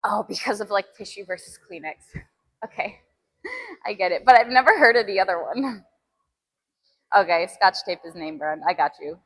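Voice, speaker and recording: Very animated, this medium-pitched woman speaks at normal speed but pauses often, her voice slightly rough. A native Albanian speaker on a casual gym live stream, she laughs a lot and reads comments between sets, in a rough recording.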